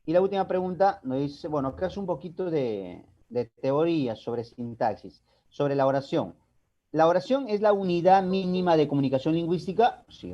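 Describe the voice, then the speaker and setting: A man teaching a language class, explaining step by step and asking and answering his own questions. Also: a little high. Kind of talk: recorded online class lecture. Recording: dull lo-fi recording.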